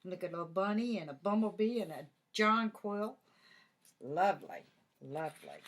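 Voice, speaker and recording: A woman's voice: on the low side, moderate pace. An older woman with a grandmotherly manner, reading a picture book aloud to children and adding chatty, admiring asides. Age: 60s or older. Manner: grandmotherly, expressive, repeats admiring words. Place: office.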